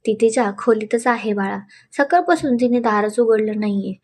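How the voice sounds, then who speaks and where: A woman voicing a calm, kindly middle-aged aunt who speaks gently, in a storybook reading. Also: a little high, normal speed.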